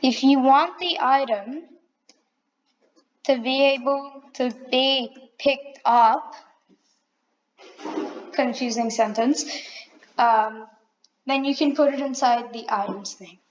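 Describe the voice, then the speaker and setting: A woman casually talking through a modeling tutorial, relaxed and chatty, correcting herself as she goes. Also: high-pitched, slow, long pauses, highs cut off. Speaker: tutorial maker. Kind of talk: casual screen-recorded tutorial.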